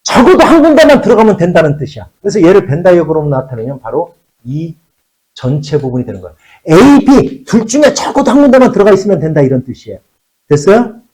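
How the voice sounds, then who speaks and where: Lively-voiced man teaching a math class. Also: sits high, fast, poor audio. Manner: checks in with the students constantly, repeats key phrases; switches between polite and casual speech. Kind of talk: classroom lecture.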